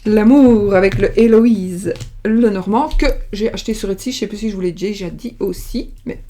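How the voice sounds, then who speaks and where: A middle-aged French tarot reader chats through a casual livestream reading at normal speed in a mid-range voice, with background noise audible. She rambles, restarting often and leaning on fillers, captured by a webcam or desk mic in video-call style.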